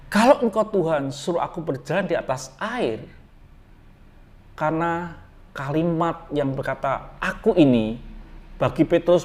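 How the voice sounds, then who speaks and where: Indonesian guy preaching a short devotional, slow with pauses, keeps repeating the key words. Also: a little high. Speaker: pastor. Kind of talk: daily devotional sermon.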